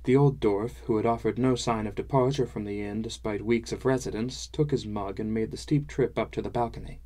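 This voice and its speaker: A man narrating a fantasy audiobook in a measured, wry first-person style. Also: on the low side, fairly even intonation, mellow.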